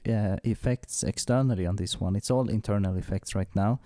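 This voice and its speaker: A man's voice: on the low side, brisk, dark tone, no room sound, studio quality. A man giving a casual, hands-on gear demo, thinking aloud hesitantly, his voice heavily compressed on the microphone. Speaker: synthesizer demo presenter. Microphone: microphone through a compressor. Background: synthesizer tones.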